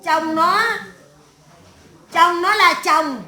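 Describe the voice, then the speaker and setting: A woman's voice: very high-pitched, extremely slow, pushed and bright, exaggerated voice. A woman medium voicing the spirit of a stern old great-grandmother in a séance, scolding her family in a harsh, crude tirade full of curses. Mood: ranting. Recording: echoey room.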